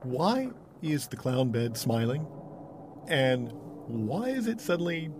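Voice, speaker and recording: A man's voice: mid-range voice, big pitch swings, slow. A man playing a timid, bewildered motel guest with a hesitant, stammering delivery in a horror-comedy audio drama. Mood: bewildered, nervous. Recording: clear background ambience noise.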